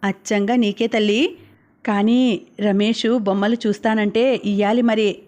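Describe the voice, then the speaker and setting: A woman voicing a kind young father in an audiobook, speaking calmly and warmly to his family. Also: medium pitch, a little slow, lightly acted.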